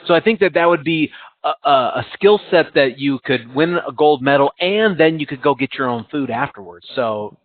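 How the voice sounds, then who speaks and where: A man's voice: a little high, lively intonation, moderate pace, dry recording. A man from the United States co-hosting a casual podcast chat, rambling and poking fun at himself, laughing often. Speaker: podcast co-host. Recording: tinny phone-like sound.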